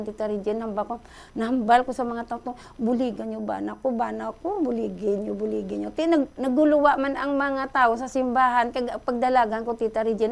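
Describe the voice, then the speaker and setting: Excited Hiligaynon-accented woman caller. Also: a little high. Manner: excited, breathless retelling, addresses host often. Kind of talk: casual storytelling on radio.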